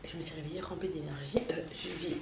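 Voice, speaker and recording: A woman's voice: sits low, fairly even intonation, fast talker, vocal fry, noisy background. A young adult woman chatting casually for a vlog, informal and often restarting her sentences. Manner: informal, filler-heavy, self-interrupting. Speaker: lifestyle vlogger.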